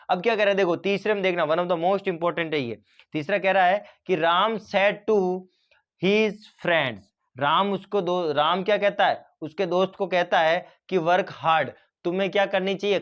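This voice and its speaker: A man's voice: sits high, muffled recording. A man teaching a grammar lesson, explaining step by step and asking and answering his own questions.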